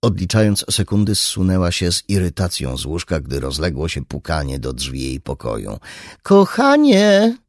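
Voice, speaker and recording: A man narrating an audiobook in an expressive, dramatic reading style. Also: extremely low pitch, normal speed, hardly any pauses, no echo, clean studio sound. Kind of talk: scripted narration.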